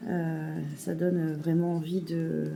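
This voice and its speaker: A woman showing a parcel in a casual vlog at home, hesitant with many fillers and softly gushing. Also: deep voice, flat delivery, slow pace, gravelly. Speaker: mother unboxing a parcel of saving challenges. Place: at home at a table.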